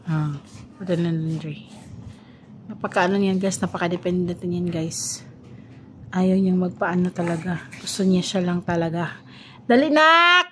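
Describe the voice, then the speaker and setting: A woman's voice: lowish voice, flat delivery, unhurried, pauses often, a little mellow, low-quality recording. A woman in her thirties with a Filipino accent, chatting casually as a mother vlogging her family life and mixing Filipino with English. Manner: switches between Filipino and English, coaxing her child. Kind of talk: casual family vlog chat. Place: family home. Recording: home recording with background noise.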